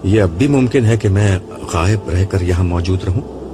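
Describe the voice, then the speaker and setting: A playful, mischievous jinn pal who teases his friends with an innocent air, as a male narrator puts him on. the voice sits a little above the reader's low tone, and a steady music bed runs underneath the storybook reading. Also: lightly acted. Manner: teasing, mock-innocent.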